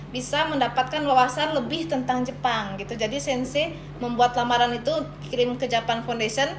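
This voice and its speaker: A woman's voice: on the high side, a little fast. A woman with an Indonesian accent, a teacher explaining things conversationally as a podcast guest, with frequent tag words. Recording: echoey room with clear noise.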